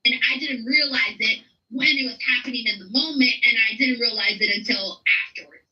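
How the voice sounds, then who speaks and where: A woman with a high, bright voice gives casual wrestling commentary. She speaks in a relaxed, conversational way, and the clip sounds dull and lo-fi. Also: brisk.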